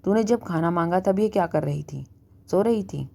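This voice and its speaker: A woman voicing a sharp-tongued middle-aged mother who scolds her husband, in a storybook reading. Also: lowish voice, moderate pace, vocal fry. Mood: scolding.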